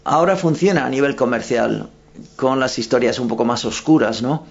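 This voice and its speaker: A man interprets live at a press conference in a mid-range voice with vocal fry and a moderate pace, hesitating and often breaking off to correct himself. The sound is dull and lo-fi.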